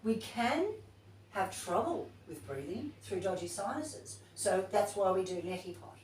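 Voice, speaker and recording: With lively intonation, a medium pitch, a darkish tone and a slightly slow pace, a woman reads to her yoga teacher training class while thinking aloud in a casual, chatty way. The recording is distant and echoey, with a faint hiss or hum.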